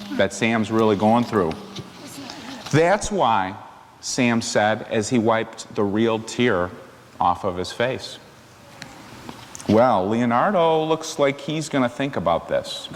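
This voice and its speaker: A middle-aged man with a lowish voice reads a picture book aloud to children, playful and full of chatty asides. He sits among the kids in a large church hall, recorded on a lavalier clipped to his shirt. The hall is reverberant, with faint background noise.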